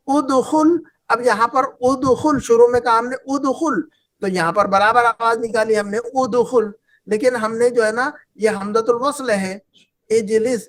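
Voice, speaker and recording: A woman teaching an Arabic grammar class, repeating points and quizzing her students. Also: a little high. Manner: repetitive, drills students with questions. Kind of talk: classroom lesson.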